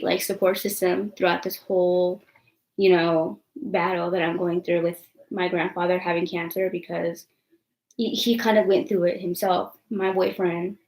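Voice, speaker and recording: A woman's voice: fairly low pitch, level tone, measured pace, darkish tone, echoey room, rough recording. Blunt, swearing young woman on a stream. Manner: blunt and defiant, swears freely; rambling, many likes and ums. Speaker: vlogger. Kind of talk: casual live-stream chat.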